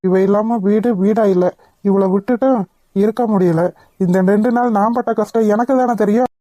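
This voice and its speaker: A woman's voice: mid-range voice, moderate pace, mellow, lightly acted. A woman voicing a bumbling young husband in a cartoon, flustered and muttering to himself as he tries to win back his wife. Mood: fretful. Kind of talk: cartoon voice acting.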